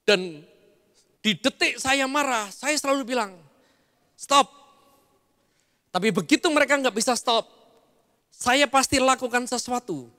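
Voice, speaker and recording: A middle-aged male pastor preaching an animated sermon, addressing the congregation with asides and emphatic bursts. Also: very high-pitched, moderate pace. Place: church hall. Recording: long church hall reverb.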